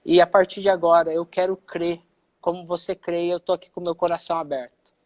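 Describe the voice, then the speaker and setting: A man's voice: high voice, level tone, brisk. A man with a Brazilian Portuguese accent, a pastor giving a personal testimony in a live conversation, who acts out the dialogue he quotes.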